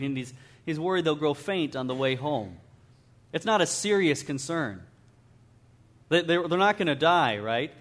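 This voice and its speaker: A man's voice: on the high side, fairly bright tone. Conversational man preaching a sermon. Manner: conversational preaching with frequent repetitions and restarts. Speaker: pastor.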